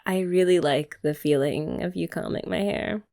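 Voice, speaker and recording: Voicing a loving, playful girlfriend for ASMR roleplay, this young woman chats casually and tenderly, full of giggles and filler words. She speaks at a moderate pace in a lowish, gravelly voice with a dark tone.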